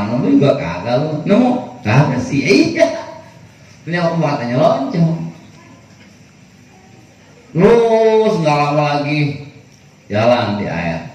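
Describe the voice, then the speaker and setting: A man's voice: medium pitch, darkish tone. A man teaching a religious study, telling stories in casual slang-filled talk. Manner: casual storytelling with Betawi slang. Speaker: kiai teaching a kitab study. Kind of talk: sermon. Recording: echoey room from far off, faint noise.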